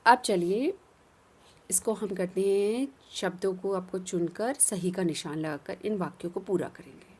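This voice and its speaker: A woman teaching young children, reciting a poem in a sing-song way and slowly drilling new words. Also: mid-range voice, a little mellow, husky.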